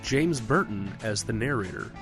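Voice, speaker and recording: A man's voice: lowish voice, animated, normal speed, a bit bright. A man reading closing credits with dry, wry asides. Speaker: credits reader. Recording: music bed underneath. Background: guitar music.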